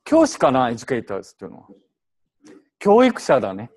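Lively man teaching a translation class. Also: medium pitch, normal speed, slightly rough. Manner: lively, prodding questions, mixes English into Japanese. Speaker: English teacher.

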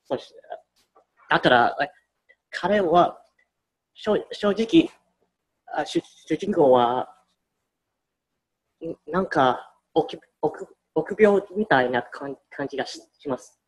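A speaker in a casual film discussion, talking haltingly with many restarts. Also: medium pitch, lively intonation, low-quality recording. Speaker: discussion participant.

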